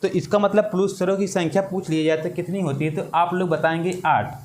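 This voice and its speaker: A man teaching an exam-prep lesson, slow and repetitive, drawing out vowel sounds. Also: high-pitched, steady tone, darkish tone, slight background noise.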